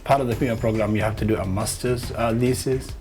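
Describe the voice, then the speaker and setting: A man's voice: medium pitch, steady tone, quick pace, a little mellow, faint music behind. A man from Somalia, a medical student, telling his story in an interview with many hesitant fillers. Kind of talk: interview testimony.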